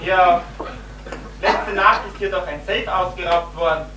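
A man's voice: high voice, measured pace. A young man playing a stern, officious village policeman in an amateur stage comedy. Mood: stern, puzzled. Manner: curt, officious. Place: small theatre stage, recorded from the audience. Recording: echoey stage, distant camera mic, hissy hum.

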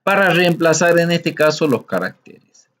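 A man's voice: a little high, animated, unhurried, a bit bright. A man teaching a screen-recorded coding lesson, explaining patiently step by step and often checking in with listeners.

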